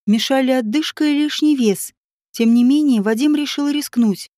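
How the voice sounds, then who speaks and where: A woman narrating an audiobook in a steady, even reading voice. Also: high-pitched, normal speed, no room sound, studio quality. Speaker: audiobook reader. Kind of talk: scripted narration.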